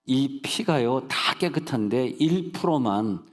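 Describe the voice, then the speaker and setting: A man's voice: medium pitch, lively intonation, slow. A male senior pastor preaching a sermon in a church sanctuary, telling humorous stories and checking in with the congregation. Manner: folksy storytelling, humorous asides, rhetorical check-ins. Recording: long hall reverb.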